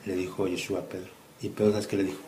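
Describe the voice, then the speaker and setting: A man's voice: deep voice, level tone, quick pace, warm tone. Father telling a bible story. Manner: storytelling, asks the child questions, acts out quotes. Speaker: father homeschooling his child. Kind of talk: bible story lesson for a child. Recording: echoey room, faint noise.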